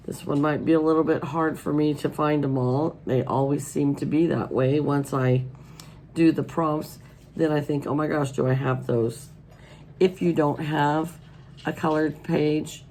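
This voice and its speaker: Froggy, gravelly middle-aged American woman. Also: low voice, a little mellow, slight background noise, poor audio. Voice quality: froggy, hoarse. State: congested with allergies. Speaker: host of a colouring channel. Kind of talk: casual vlog chat. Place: indoors at a wooden table.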